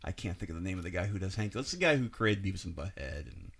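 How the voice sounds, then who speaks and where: A man's voice: deep voice, big pitch swings, fast talker, vocal fry, a bit bright, a little hiss or hum. A man chatting casually and jokingly as he comments on game clips.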